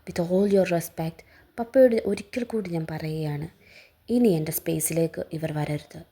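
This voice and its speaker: A woman's voice: low voice, lively intonation, a little slow, warm tone, slightly rough, pitched below the performer's own voice, heavily acted. A woman voicing a curt, cold young man. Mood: cold, defiant.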